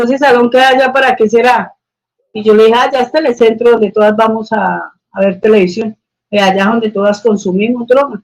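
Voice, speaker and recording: A woman's voice: medium pitch, darkish tone. Earnest woman telling her testimony. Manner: earnest, repetitive storytelling that acts out quoted dialogue. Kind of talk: personal testimony storytelling. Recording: dull lo-fi recording.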